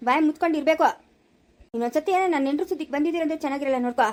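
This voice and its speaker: An angry village father shouts down his relatives in a rural Chikkaballapura accent, played by a woman. The voice sits high and the scolding comes fast. It is amateur family-drama acting. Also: natural voice. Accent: rural Chikkaballapura Kannada. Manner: scolding, loud and indignant. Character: angry middle-aged village father defending his wife.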